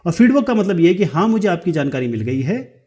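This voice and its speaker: A man with a noticeably high-pitched voice explains a lesson step by step. He illustrates each point with everyday examples and keeps asking "right?" to check in. He slips English technical terms into his explanations. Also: big pitch swings, fairly quick, darkish tone. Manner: checks in with frequent "right?" tag questions. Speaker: teacher. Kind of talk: explanatory lecture.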